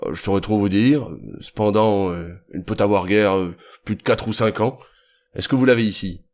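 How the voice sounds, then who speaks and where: Burly nervous sailor, as a male narrator plays him, halting, fillers, low voice. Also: darkish tone, natural voice. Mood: hesitant.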